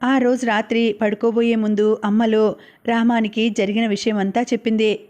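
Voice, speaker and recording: A woman narrating an audiobook in a gentle, steady storytelling voice. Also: fairly high pitch, moderate pace.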